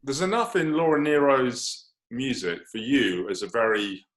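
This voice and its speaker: A British-accented man hosts a radio interview at an even, mid-level pitch. He builds long, winding questions, adding asides as he goes. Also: normal speed. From United Kingdom.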